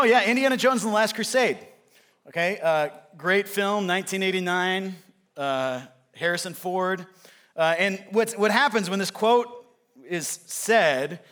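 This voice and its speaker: Bright-voiced, high-pitched male pastor preaching. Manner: conversational, animated storytelling with acted-out movie quotes. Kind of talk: sermon. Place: church sanctuary.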